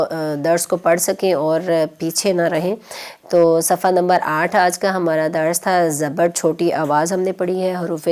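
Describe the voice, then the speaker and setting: A woman's voice: on the low side, dark tone. Patient woman teaching children Quran reading. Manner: patient, repeats points for children. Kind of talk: children's TV lesson.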